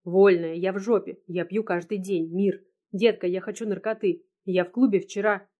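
A broken young man, tearful and desperate, pleading for help, read by a woman in an audiobook. His voice sits in a middling pitch and sounds choked with despair. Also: steady tone, moderate pace, warm tone, muffled recording, lightly acted. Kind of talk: audiobook reading.

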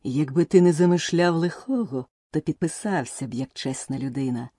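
A woman voicing a pompous, flustered old male king in an audiobook, speaking slowly and ponderously. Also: deep voice, warm tone, husky, dry recording, studio quality. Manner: slow and ponderous. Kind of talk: audiobook character voice.

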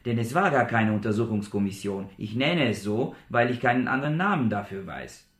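A man's voice: mid-range voice, lively intonation, a little fast, echoey room, natural voice. A man reading an audiobook, voicing an accused male bank clerk in a guarded, earnest manner.

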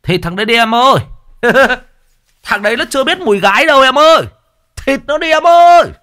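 Jeering rowdy village louts. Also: male voice, extremely high pitch, lively intonation, a little fast, bright, forceful tone, clean tone, pitched above the performer's own voice, full character voice. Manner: cackling, egging on.

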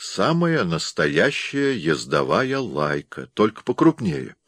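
A man reading an audiobook, voicing a gruff, weathered sled traveler named Bill with a blunt, rough-spoken manner. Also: low voice, sing-song, slow, a bit bright, no echo, studio quality, exaggerated voice. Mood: wry.

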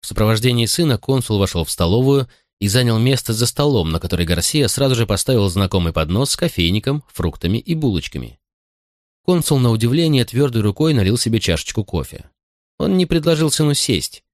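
A man narrating a novel as an audiobook, in an expressive storytelling manner. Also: medium pitch, fairly quick, dry recording, studio quality. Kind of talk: scripted narration.

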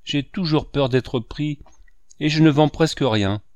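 A man's voice: a little high, a little slow, a little mellow, no room sound, voice pushed up, close to an everyday voice. A man reads a frightened teenage peddler boy in a raised, pleading voice. The boy is timid and anxious. The sound is dry and close. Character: frightened sixteen-year-old boy peddler. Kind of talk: audiobook character reading.

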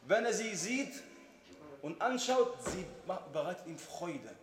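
A male preacher telling a story in a sermon, acting out the people in it with shifts in his voice and reciting Arabic quotes quickly. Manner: animated, switches pitch to act out quoted speakers. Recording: echoey hall with faint hiss.

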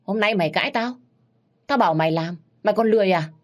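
A woman's voice: fairly low pitch, quick pace, lightly acted. A woman voicing a drunken, violent father who barks orders. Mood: angry. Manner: shouting, scolding. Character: drunken violent middle-aged father, harsh.

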